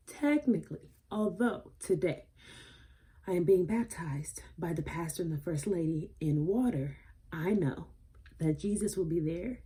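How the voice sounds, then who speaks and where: A woman's voice: lowish voice, warm tone, breathy edge. A woman in her twenties talking casually and earnestly to her vlog audience, emotional and rambling with fillers. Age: 20s. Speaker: vlogger. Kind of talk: casual vlog talk to camera.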